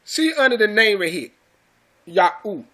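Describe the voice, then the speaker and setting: With a high pitch that swings widely, a man teaches scripture at a measured pace in a sharp tone. Preachy and emphatic, this religious teacher repeats phrases and calls his followers brothers and sisters.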